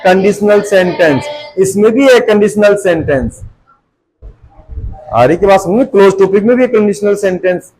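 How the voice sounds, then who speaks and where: High-voiced man teaching a class. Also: lively intonation, moderate pace, darkish tone, faint music behind, poor audio. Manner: repeats points and checks understanding with constant rhetorical questions. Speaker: tuition teacher. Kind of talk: classroom lecture. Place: classroom with students.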